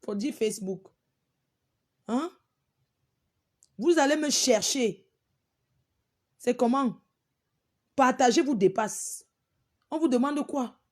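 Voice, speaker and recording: High-voiced woman scolding her live viewers. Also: lively intonation, slow, long pauses. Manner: exasperated, repeats herself, scolding. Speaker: live stream host.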